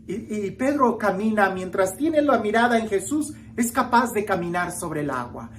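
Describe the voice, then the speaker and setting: A woman reading the gospel and giving a reflective homily, slow and expressive, with dramatic emphasis and small restarts. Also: medium pitch, a little hiss or hum. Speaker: preacher.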